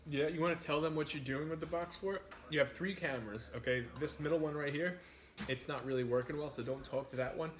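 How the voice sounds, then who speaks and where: A man's voice: a little high, brisk. A man hosting a casual livestream over a meal, talking in a frank, sweary way. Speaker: livestream host.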